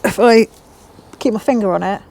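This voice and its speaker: A woman's voice: medium pitch, moderate pace, vocal fry, a little mellow. Chatty woman in a garage. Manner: chatty, self-mocking, reads instructions aloud. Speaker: motovlogger. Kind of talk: casual chat while working on a motorbike.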